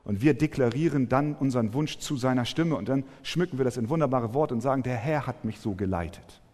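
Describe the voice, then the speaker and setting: A man preaching a sermon, emphatic, with forceful rising peaks. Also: medium pitch, a little fast. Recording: long hall reverb.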